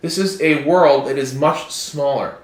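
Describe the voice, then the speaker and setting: A man in casual podcast chat, circling his points and restarting sentences as he thinks aloud. His voice sits a little high and rings in a roomy, echoey space. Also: measured pace. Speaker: podcast co-host. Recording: roomy echo.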